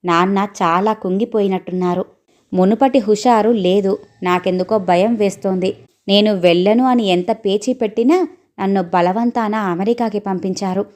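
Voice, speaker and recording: A woman voicing an emotional young adult son in a read-aloud storybook, speaking in a soft, pleading way. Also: medium pitch, normal speed, lightly acted.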